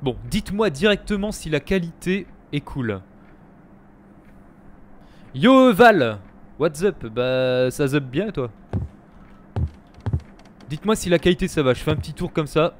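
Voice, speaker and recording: A man hosting a live let's-play, chatting to his viewers and reacting excitedly to the game. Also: on the high side, measured pace, pauses often, slight background noise. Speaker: gaming streamer, host.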